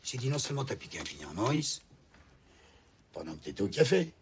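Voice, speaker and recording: A man's voice: mid-range voice, very animated, fairly quick, slight background noise. An actor playing a strict male boss scolding an employee. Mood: angry. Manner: scolding, interrogating.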